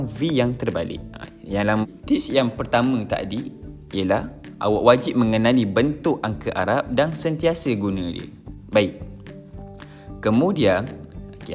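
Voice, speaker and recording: A Malaysian man speaks as a religious teacher, in a somewhat low voice. He says each term slowly, repeats it, and keeps checking that his listeners follow. Faint music plays under the recorded lesson. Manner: slow drilled repetition of terms.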